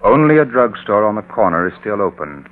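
A man narrating a scripted 1930s-style radio drama in a measured, atmospheric storytelling manner. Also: lowish voice, big pitch swings. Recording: muffled phone-like old radio recording.

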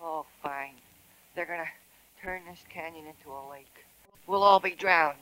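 A man's voice: on the high side, measured pace, bright, forceful tone, dry recording, poor audio. A man playing a fretful little mouse. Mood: anxious. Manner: anxious, stammering.

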